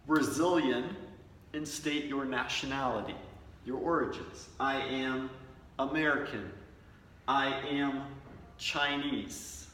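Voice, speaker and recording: A man gives an English lesson at a deliberately slow pace, repeating model sentences patiently. His voice is bright and forward. The recording is echoey, with a long reverb tail, picked up from a distance. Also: mid-range voice, slight background noise. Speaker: English teacher. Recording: roomy echo from a distant mic.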